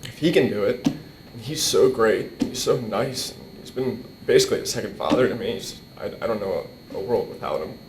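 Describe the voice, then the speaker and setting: The recording, echoey and with a faint rumbling underneath, captures a young man's informal eulogy for the person whose nephew he is. Emotional and barely holding himself together, he stumbles and repeats words at a boom-stand mic inside a hall.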